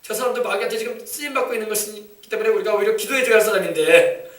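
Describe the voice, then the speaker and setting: A man preaching a sermon, emphatic and shouting commands at demons, often asking the congregation for replies. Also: high-pitched, racing. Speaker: pastor. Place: church sanctuary. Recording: echoey church, mic from a distance.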